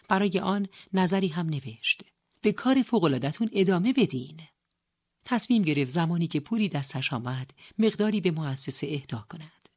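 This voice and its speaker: A woman narrating an audiobook in a steady, measured reading style. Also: sits low. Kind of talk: scripted narration.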